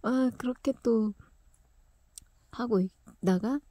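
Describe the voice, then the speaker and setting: Soft husky woman telling a story. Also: fairly high pitch, takes it slowly. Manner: chatty, laughs often, drops into whispered asides. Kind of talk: casual personal storytelling.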